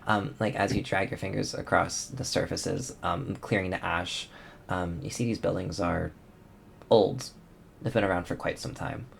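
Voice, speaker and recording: A man's voice: sits low, steady tone, moderate pace, gravelly. A man narrating a tabletop game as game master, casual and hesitant with many ums.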